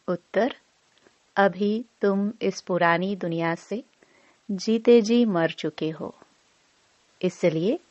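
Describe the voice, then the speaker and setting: A woman reading a devotional discourse aloud in a slow, measured recitation. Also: medium pitch, a little mellow, no echo. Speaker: murli reader. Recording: dry, dull lo-fi voice recording.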